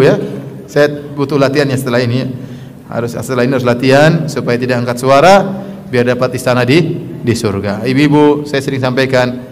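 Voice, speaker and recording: A man's voice: mid-range voice, a little hiss or hum. Man preaching in a reverberant hall. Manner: repeats a tag "ya" often, swings from loud emphatic to soft. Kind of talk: sermon to women.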